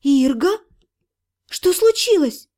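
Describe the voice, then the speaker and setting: A woman voicing an impulsive, emotional young woman mage in an audiobook, high, urgent and tearful. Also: expressive, a little slow, dark tone. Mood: excited, anxious.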